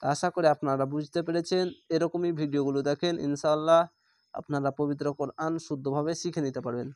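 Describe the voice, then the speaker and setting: A man with a slightly high voice gives a recitation lesson, spelling out each syllable and restating the rules in a patient, explaining way. He stretches each word out slowly when he recites it whole. The recording is dry and close, with no room sound. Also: fairly even intonation, darkish tone, clean tone, no echo. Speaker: Quran reading teacher.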